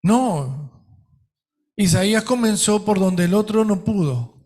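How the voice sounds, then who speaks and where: A middle-aged Argentine pastor preaches a sermon in a fairly high voice for a man. He speaks very slowly, leaning on each phrase with emphatic pauses. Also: expressive, a little mellow. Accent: Argentine Spanish.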